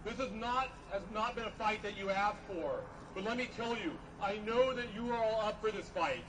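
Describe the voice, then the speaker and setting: A middle-aged man delivers an earnest podium speech in a high-set voice. He builds measured, emphatic phrases, heard a little away from the mic with clear noise around him. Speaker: professor speaking at a rally. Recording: distant mic, noisy outdoor rally.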